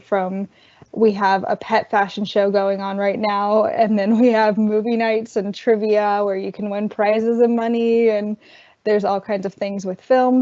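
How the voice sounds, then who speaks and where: A woman student worker giving a virtual orientation presentation, chatty and losing her voice, clearing her throat. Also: mid-range voice, warm tone. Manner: chatty, explains while cueing slides. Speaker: student worker presenting campus film events. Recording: dull lo-fi online call audio.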